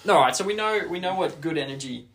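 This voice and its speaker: A man's voice: a little high, lively intonation, fast, fairly bright tone. A young man co-hosting a casual podcast, upbeat and reflective, steering the talk with questions. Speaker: podcast co-host. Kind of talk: casual chat.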